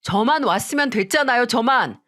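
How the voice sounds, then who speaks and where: Brief: woman doing a sulky grown son in a radio story, raised pitch, complaining. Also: expressive, normal speed, sharp tone. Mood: resentful. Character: resentful grown son, man.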